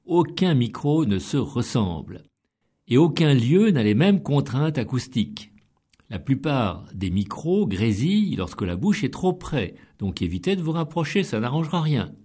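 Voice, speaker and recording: A middle-aged man giving scripted instruction on public speaking, deliberate and emphatic as he counts off each point. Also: mid-range voice, sing-song, dark tone, breathy edge.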